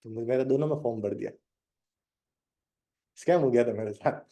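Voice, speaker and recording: A man's voice: mid-range voice, a little fast, dark tone. A young man teaching a live online drawing lesson, chatting with his students and joking as he guides them step by step. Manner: chatty, addresses students directly and jokes.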